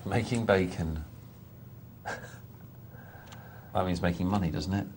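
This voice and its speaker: A man's voice: deep voice, takes it slowly, darkish tone, a little hiss or hum. Dry-witted male poker commentator. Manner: dry self-mocking humour. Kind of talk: live poker commentary with banter.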